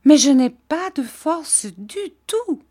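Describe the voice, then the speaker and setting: Woman reading a childish, frightened young fiancée, high and pleading. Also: big pitch swings, slow, darkish tone, full character voice. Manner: pleading, pouting, high and breathy.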